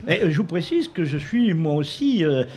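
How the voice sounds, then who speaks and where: A man's voice: fairly high pitch, sing-song, normal speed, darkish tone, slight background noise. A man serving as a mayor guest on a talk show, speaking politely and hesitantly, often laughing. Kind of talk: casual on-air interview.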